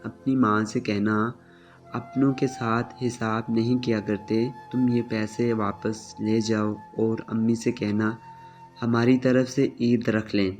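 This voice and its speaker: A man voicing an affectionate, generous middle-aged aunt in an even, plain storytelling voice. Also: lowish voice, natural voice. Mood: kindly. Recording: slightly dull with soft music.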